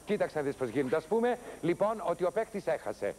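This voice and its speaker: An actor playing an exasperated TV producer who nags and lectures a new hire. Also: male voice, a little high, sing-song, darkish tone, a little hiss or hum. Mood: lecturing. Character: exasperated TV show producer, a middle-aged man. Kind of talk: TV sketch comedy acting.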